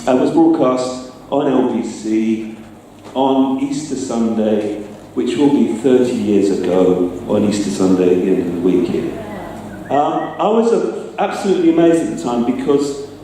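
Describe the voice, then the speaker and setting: A middle-aged sound designer gives an informal public talk with slides, his mid-range, warm voice hesitating and pausing mid-phrase. He addresses an audience in a large, echoey room, and the distant recording picks up heavy reverb and some noise.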